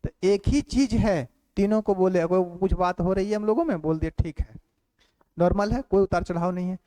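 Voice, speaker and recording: A man teaching a grammar class who repeats phrases slowly for note-taking and keeps asking quick check questions. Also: high-pitched, dark tone, dry recording. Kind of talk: classroom lecture.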